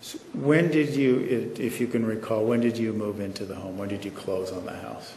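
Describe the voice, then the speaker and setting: A man questioning a witness as an attorney, asking measured, leading questions, in a courtroom recording. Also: lowish voice, steady tone, warm tone, slight background noise. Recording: echoey courtroom audio from far off.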